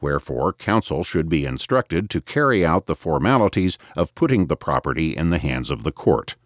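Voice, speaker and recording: Deep, expressive male audiobook narrator. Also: no room sound, clean studio sound. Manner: measured, expressive reading.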